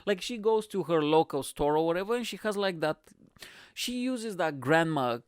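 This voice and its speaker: A young Bulgarian man hosts his own podcast, delivering a profane, rambling comedic monologue and constantly asking "you know what I'm saying" to check in with the listener. His voice is fairly high and animated, moving at a moderate, smooth pace. The recording is studio quality with no echo.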